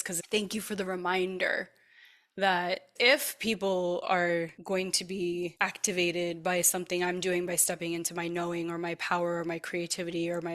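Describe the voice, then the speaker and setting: A woman hosting and facilitating a women's circle, affirming and encouraging the group in a soft-spoken way. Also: fairly low pitch.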